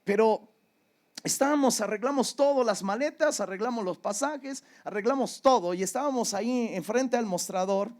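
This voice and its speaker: A man's voice: high-pitched, moderate pace, a little mellow. An older man with a Mexican Spanish accent, preaching a sermon and telling a personal story in a conversational way. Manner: conversational storytelling, often asks "¿verdad?". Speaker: pastor.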